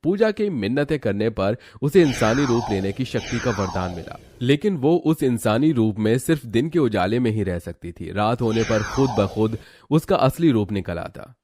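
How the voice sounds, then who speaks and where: A man narrating a cartoon story in a steady, dramatic storytelling manner. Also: medium pitch, moderate pace, hardly any pauses.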